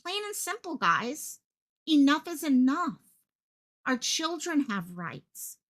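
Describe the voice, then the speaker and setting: A woman on her own online channel delivers very animated, impassioned livestream commentary, her high, slightly bright voice moving at a slow pace. She repeats phrases for emphasis and projects her voice the way a stage actor does.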